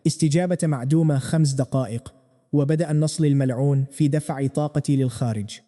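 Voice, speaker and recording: A male narrator retells a fantasy comic in first person, scripted and dramatic. He talks very fast in a slightly high register. His voice has a deep, dark colour. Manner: dramatic, rapid storytelling.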